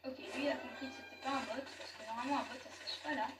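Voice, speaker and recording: Loud music plays behind this woman's high, steady, rapid-fire voice as she gives chatty gameplay commentary, giggling and correcting herself along the way. She's a gaming YouTuber, recorded in an echoey room on a distant mic with faint noise.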